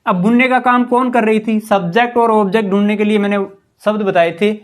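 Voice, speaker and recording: A man's voice: high voice, steady tone, a little fast. Patient male grammar teacher. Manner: patient, keeps asking the class rhetorical questions and saying "ठीक है". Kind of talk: explanatory classroom lesson.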